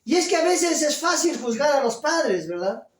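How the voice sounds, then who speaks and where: A pastor delivering a sermon, loud and emphatic, full of rhetorical questions. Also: male voice, very high-pitched, very animated, normal speed. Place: church. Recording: echoey church from a distance.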